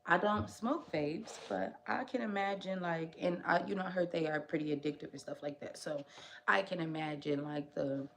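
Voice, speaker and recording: Young woman, vlogger, casual storytime, slangy, animated, gravelly, faint background noise. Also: fairly low pitch, normal speed. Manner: animated, slangy, addresses viewers as y'all.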